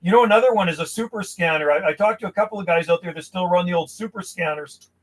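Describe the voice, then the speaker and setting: A man's voice: sits high, quick pace, rough recording. A man chatting casually as a CB radio operator and host, talking in a friendly buddy-to-buddy way from a small radio shack. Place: small insulated radio shack outdoors from the house.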